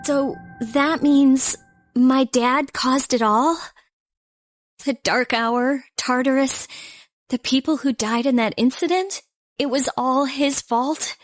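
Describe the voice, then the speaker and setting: A woman's voice: high voice, steady tone, slow pace, no room sound, studio quality. A young woman playing an earnest, hurt teenage schoolgirl in a video game drama, speaking emotionally and confidingly. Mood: shocked, accusing. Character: hurt, earnest teenage schoolgirl who idolized her father. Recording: loud music under the voice.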